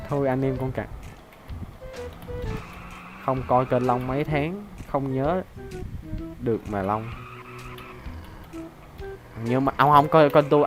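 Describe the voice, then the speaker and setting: A man streaming a role-play game, rambling and swearing, sometimes breaking into loud mocking taunts. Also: mid-range voice. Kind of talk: casual chat while playing a role-play game.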